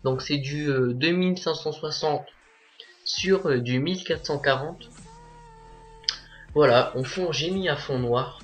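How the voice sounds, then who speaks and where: A teenage boy narrating a software tutorial as a voice-over, hesitant and full of filler sounds. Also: on the high side, unhurried, pauses often, faint music behind. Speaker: tutorial maker.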